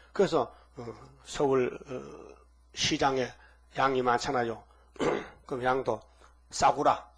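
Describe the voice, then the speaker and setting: A man's voice: on the high side, husky. An older man preaching a sermon in a folksy, conversational way, firing off rhetorical questions and acting out quoted lines. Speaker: pastor.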